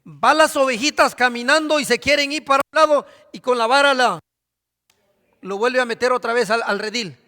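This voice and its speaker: Male pastor, high bright voice, preaching in a church, long hall reverb. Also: fairly even intonation, normal speed. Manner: preaching, asks the congregation questions. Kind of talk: sermon.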